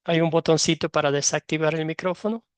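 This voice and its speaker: A man's voice: fairly high pitch, steady tone, quick pace, clear, resonant tone, dry recording. A man moderating an online Bible class, welcoming each student by name and calling on them in turn. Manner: gently guides students, calls on each in turn.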